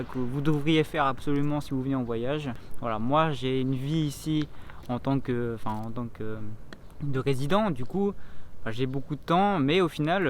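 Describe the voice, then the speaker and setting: A man's voice: mid-range voice, a little hiss or hum. A young man chats casually to camera as a vlogger, improvising and often stumbling as he searches for words. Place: outdoors, walking and in a park.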